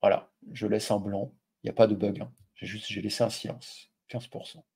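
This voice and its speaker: A man's voice: lowish voice, flat delivery, a little fast, darkish tone, husky. A middle-aged man hosting a casual investing talk, chatting informally with lots of fillers and addressing the viewer directly. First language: French. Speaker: investing video host. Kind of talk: casual explainer with a familiar tone.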